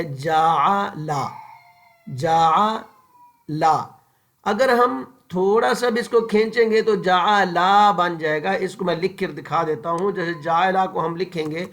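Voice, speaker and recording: A man teaches the pronunciation of Quranic vowel marks. He talks informally, with many fillers, and repeats each example slowly and deliberately. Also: high voice, a bit bright. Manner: frequent fillers and checks for understanding. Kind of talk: informal tajweed lesson over a screen-shared book.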